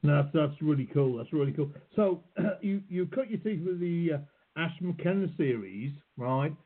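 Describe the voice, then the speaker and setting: Husky-voiced male host over a phone line. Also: a little high, animated. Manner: halting, hesitant questioner. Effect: heard over a phone-like call line. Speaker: podcast host. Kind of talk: casual interview questions. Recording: husky voice on tinny phone-like call.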